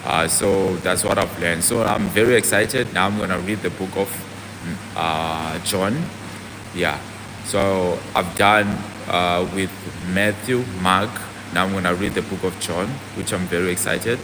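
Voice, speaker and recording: A young man with a low, steady voice talks at a measured pace on a casual fitness livestream. The fitness vlogger chats with viewers and answers their comments aloud as he goes. Background noise can be heard.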